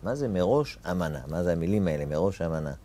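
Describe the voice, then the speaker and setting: A man's voice: low voice, expressive, dark tone, slight background noise. A man teaching a Torah lesson as a rabbi, posing rhetorical questions and repeating key phrases with emphatic rises on important words.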